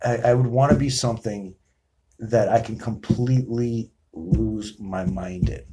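A man's voice: fairly low pitch, a little slow, mellow, husky, soft background music, poor audio. A man hosting a podcast interview, enthusiastic, hyping up his guest. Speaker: podcast host.

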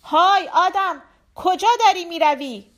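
A woman's voice: high-pitched, big pitch swings, voice pushed up. A woman reading an audiobook voices a stern, short-tempered older Turkmen man who barks his warnings. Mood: angry shouting.

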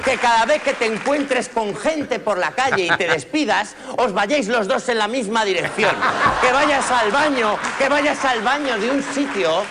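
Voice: mid-range voice, expressive, unhurried, very noisy. A comedian in a stand-up monologue, building a comic list of petty curses.

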